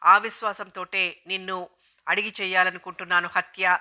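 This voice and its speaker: A woman's voice: fairly low pitch, flat delivery, normal speed, bright, forceful tone. A woman voicing a furious husband who threatens his wife with a knife, reading his lines with menacing, snarling commands. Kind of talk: audiobook dialogue reading.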